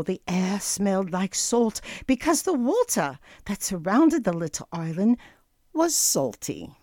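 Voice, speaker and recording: A woman narrating a children's storybook as a story-time host, with deliberate, expressive delivery addressed to young listeners. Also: medium pitch, no room sound, clean studio sound.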